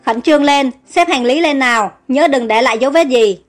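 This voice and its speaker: A bossy ship captain, as a woman narrator puts him on, drives his crew with harsh commands in a storybook reading. Her pitch stays high despite the gruff role. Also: a little fast. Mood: commanding. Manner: barking commands.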